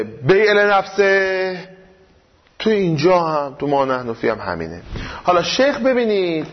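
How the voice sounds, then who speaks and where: A man lecturing a seminary class, his high voice rising and falling a great deal as he works through an argument. He poses questions and answers them himself. The recording sounds a little dull and lo-fi. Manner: explanatory, rhetorical questions, swings up and down in pitch. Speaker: teacher of Islamic jurisprudence.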